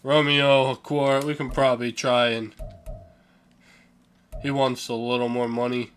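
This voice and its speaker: A man's voice: mid-range voice, little pitch movement, measured pace, fairly bright tone, soft background music. A young man giving casual, offhand commentary over a sports video game, yawning and sleepy, swearing now and then and stumbling over names. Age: young adult. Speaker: gaming channel host.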